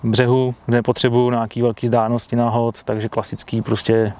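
Seated at his fishing bivvy on the lakeshore, a thirtysomething angler gives straightforward, matter-of-fact answers into a clip-on mic. The medium-pitched voice has a darkish tone and an entirely flat delivery.

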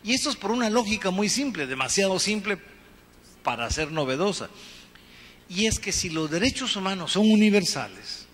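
A middle-aged man from Guatemala giving an earnest, measured talk on a conference panel, speaking into a handheld microphone. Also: high-pitched, sing-song, a bit bright. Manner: earnest, measured, gesturing with his free hand. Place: conference hall stage. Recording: reverberant hall, faint room noise.

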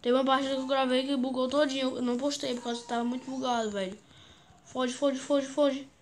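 A high, bright-voiced woman with a Brazilian Portuguese accent narrates her gameplay in a jumpy, excitable way. She repeats short words again and again as the game goes on. A faint hiss of noise sits under her voice. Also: quick pace. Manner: excitable, chants words over and over. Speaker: gaming YouTuber. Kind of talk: gameplay commentary.

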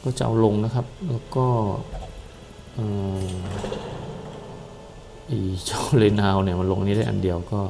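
A man casually explaining a game's character class and skills, relaxed and hesitant, with frequent pauses and fillers. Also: lowish voice, creaky, noisy background. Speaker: gameplay commentator. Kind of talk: casual game walkthrough.

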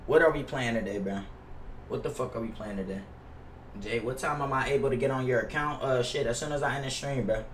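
Speaking fairly quickly at a medium pitch, this twentysomething American streamer gripes profanely and repetitively, full of slang, while casually chatting on a gaming livestream. He's in an indoor home gaming room on a headset mic, yet the audio is reverberant and far off, with a little background noise.

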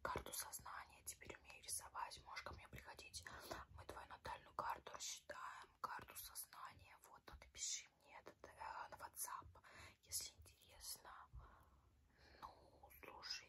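A woman in her twenties doing a whispered role-play as a chatty, tactless, self-promoting makeup artist, talking in an offhand, rambling way. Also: normal speed. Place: small room at home, indoors.

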